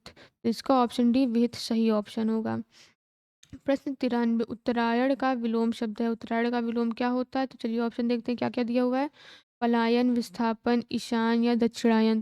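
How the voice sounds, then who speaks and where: A woman teacher running an exam-prep lesson, reading out questions and answer options at a steady, methodical clip. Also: a little high, clear, resonant tone, no echo, studio quality. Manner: steady read-aloud of options, brisk and methodical.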